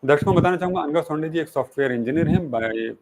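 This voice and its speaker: A man hosting an interview show, speaking in a measured, formal way and opening with a couplet of poetry. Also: on the high side, lively intonation, darkish tone. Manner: measured, recites Urdu poetry, polite formal address. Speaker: interview host.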